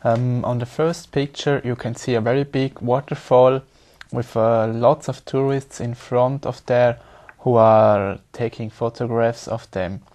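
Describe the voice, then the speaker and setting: A man's voice: medium pitch, steady tone, measured pace, few pauses, darkish tone. A young man from Switzerland, an exam candidate speaking hesitantly and repeating words as he searches for English.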